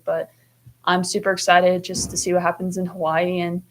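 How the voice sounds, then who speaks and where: Twenties woman, team captain, low and level delivery, earnest and upbeat. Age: 20s. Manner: earnest, upbeat, repeats praise for teammates. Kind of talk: media interview answers.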